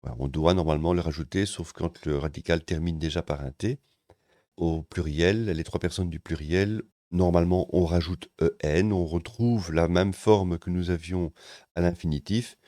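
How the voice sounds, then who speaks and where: Low-voiced man teaching grammar calmly. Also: normal speed, no room sound, clean studio sound. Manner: calm, methodical, with occasional hesitations. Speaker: language teacher. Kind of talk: explanatory grammar lesson.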